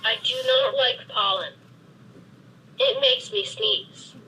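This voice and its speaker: A synthetic female voice playing a friendly, cheerful boy robot that talks to children in slow, simple, deliberate sentences. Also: fairly high pitch, pushed and bright, a little hiss or hum, poor audio. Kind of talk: programmed robot speech for children. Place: meeting room, played from a robot.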